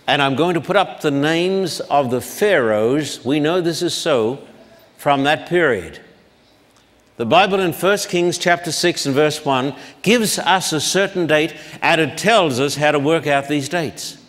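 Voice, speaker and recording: A male Bible lecturer with a fairly high voice speaks slowly and with great deliberation, breaking long names into separate syllables. His voice carries a long reverb, as if recorded in a large lecture hall. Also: lively intonation, a bit bright. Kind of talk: public Bible lecture with blackboard.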